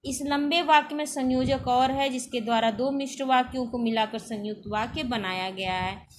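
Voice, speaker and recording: A woman teaching a Hindi exam-preparation lesson, reading out questions and answer options in a measured way. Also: high-pitched, a little hiss or hum. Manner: measured, reads options aloud one by one.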